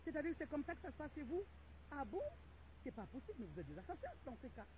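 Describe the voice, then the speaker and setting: A woman's voice: sits high, sing-song, quick pace, dark tone. A middle-aged woman making an indignant, rallying video appeal to viewers, repeating her calls again and again. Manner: indignant, repetitive, rallying cries. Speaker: vlogger addressing viewers. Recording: tinny phone-like audio with faint noise.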